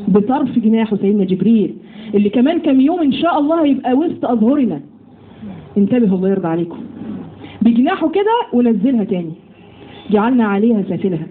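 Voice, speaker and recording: A woman with an Egyptian accent giving a lively religious lesson to women, often putting questions to her listeners. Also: on the high side. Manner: lively, asks the audience questions. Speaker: religious teacher. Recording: tinny phone-like audio with faint noise.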